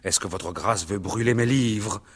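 A man's voice: on the low side, unhurried, breathy edge. A man voicing a simple, book-loving middle-aged innkeeper in an audiobook. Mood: indignant. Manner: hearty, stubborn.

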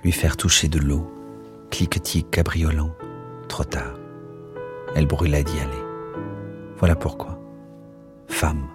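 A man with a deep, low voice reads literary prose aloud, expressive and rhythmic. He lingers over words and images. Faint music plays softly behind him. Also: slow pace, long pauses. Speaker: narrator. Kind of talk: literary reading. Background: soft music.

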